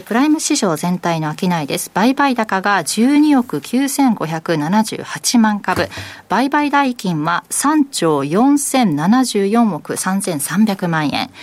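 Female radio host, mid-pitched, brisk and clear with market numbers. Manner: brisk, reads figures carefully. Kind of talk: radio market program hosting.

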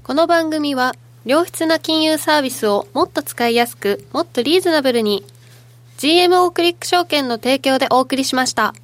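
A woman's voice: high voice, animated, fairly quick. A woman on a radio show reading listener letters and the sponsor credit. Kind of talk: casual radio chat.

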